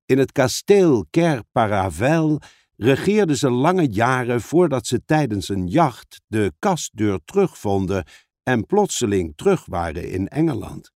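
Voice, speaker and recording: A man narrates a children's audiobook slowly and carefully. His pitch moves a lot as he tells the story. The recording is close and dry, with no room sound. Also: dry recording. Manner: expressive storytelling.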